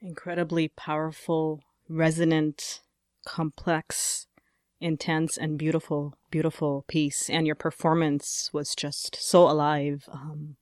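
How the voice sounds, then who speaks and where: A radio show host who talks in an effusive, halting way with many fillers. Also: medium pitch, monotone, no echo, clean studio sound. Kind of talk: casual radio interview. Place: radio studio.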